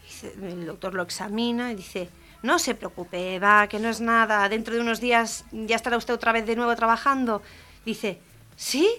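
A woman hosting a radio comedy show, telling jokes briskly and laughing at the punchlines. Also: fairly high pitch, fairly even intonation, sharp tone.

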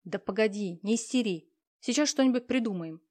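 A woman's voice: on the high side, expressive, a little fast, a little mellow. A woman reading an audiobook, voicing a cheeky young female friend who is breezy and matter-of-fact.

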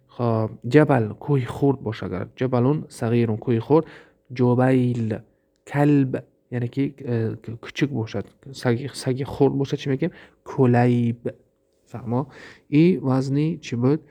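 A male teacher with a Tajik accent talks through a grammar lesson, going over each step with patient repetition and frequent checks that his listeners are following. His voice is gravelly and mellow, and his pitch sits in the middle. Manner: explains slowly, often asks "understood?" and repeats words. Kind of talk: recorded lesson.

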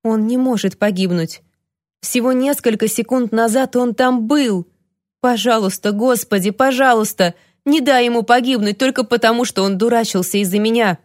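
Cast a woman doing a panicked young woman, shrill and raised, close dry mic, audiobook read. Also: moderate pace, dry recording, lightly acted. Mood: pleading. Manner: shouting, near-hysterical, then tearful. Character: frightened, furious young woman, lifeguard-like leader of kids. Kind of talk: audiobook reading.

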